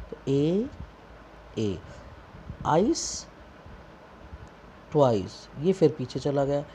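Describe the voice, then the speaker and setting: A man's voice: medium pitch, mellow, muffled recording, a little hiss or hum. A male teacher explaining a poem line by line, reading the English and then quizzing his students in Hindi.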